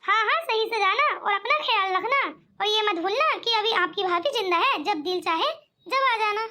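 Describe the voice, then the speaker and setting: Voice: very high-pitched, lively intonation, moderate pace, bright, forceful tone, exaggerated voice. A woman doing a protective cartoon sister-in-law. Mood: reassuring. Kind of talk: cartoon voice acting.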